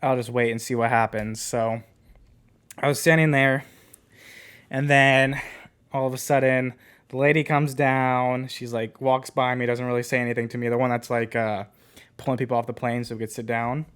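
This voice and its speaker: A man's voice: medium pitch, little pitch movement, normal speed, a bit bright, clean tone. A man co-hosting a podcast, casually telling a rambling story full of filler words. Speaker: podcast co-host.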